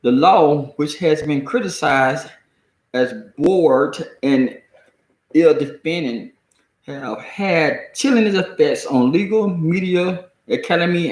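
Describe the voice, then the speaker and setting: An American man with a deep Southern accent, reading and commenting casually on the news in a halting, folksy, colloquial way. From United States. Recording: echoey room.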